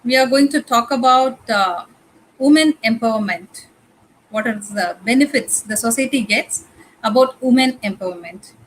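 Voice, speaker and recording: A woman's voice: on the high side, moderate pace, slight background noise, poor audio. A woman from Tamil Nadu with a Tamil-influenced Indian English accent, giving a conversational guest lecture with frequent fillers and repeated phrases. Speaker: guest speaker. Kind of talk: lecture talk.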